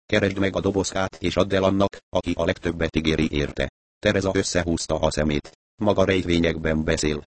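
A man narrating a novel as an audiobook reader, in a calm, steady storytelling manner. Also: low voice, no echo. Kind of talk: scripted narration.

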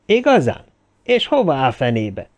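Egy férfi, aki egy pánikba esett, hirtelen haragú férfit szólaltat meg kétségbeesett kirohanásokkal. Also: male voice, medium pitch, wildly swooping pitch. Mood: agitated. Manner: shouting, desperate outbursts. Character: panicky, quick-tempered man lost in the wild.

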